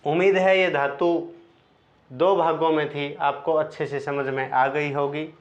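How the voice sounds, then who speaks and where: A man teaching Sanskrit grammar, patiently chanting verb forms in slow drills and explaining each step. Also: on the high side, fairly even intonation. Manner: patient, explains step by step and asks questions back. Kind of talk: slow classroom-style grammar lesson. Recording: dull lo-fi sound.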